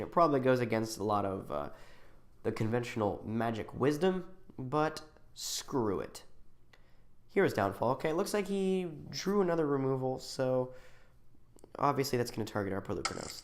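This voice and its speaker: Still a bit sniffly as he recovers from a cold, a male channel host with a medium-pitched voice casually narrates his own card game turn by turn, thinking aloud through ums and restarts.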